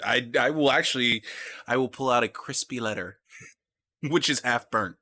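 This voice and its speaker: A man's voice: mid-range voice, normal speed, bright, forceful tone. A man playing a tabletop game, joking and bursting into incredulous protest. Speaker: player. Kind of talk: casual tabletop play.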